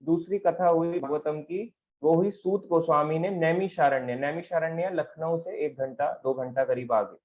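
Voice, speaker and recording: Male spiritual teacher, slightly high voice, patient explanatory delivery that asks and answers itself, stand mic, dull recording. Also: moderate pace, a little mellow, slight background noise. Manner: explanatory, asks and answers his own questions. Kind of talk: devotional talk on scripture.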